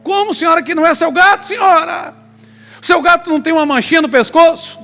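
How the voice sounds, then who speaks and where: A man's voice: fairly quick, bright, forceful tone, exaggerated voice. A man voicing a frantic airport baggage clerk who pleads in a strained, raised voice. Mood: pleading, exasperated. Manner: pleading, high-pitched and insistent. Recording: long church reverb, faint music.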